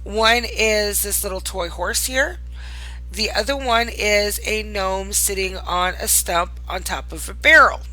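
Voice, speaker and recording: A woman with a bright, forward voice at an ordinary pitch presents items from a virtual world. She talks casually as the host, gushing fondly over what she shows, though she is tired. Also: measured pace, low-quality recording. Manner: gushing, fond of cute things. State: tired late at night. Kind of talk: casual showcase commentary.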